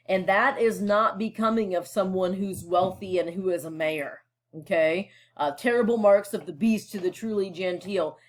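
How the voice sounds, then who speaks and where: A woman's voice: mid-range voice, a little mellow. A woman teacher reading a novel aloud and explaining it to students in a casual, conversational way, often checking in with them. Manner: casual and explanatory, with frequent fillers and check-ins.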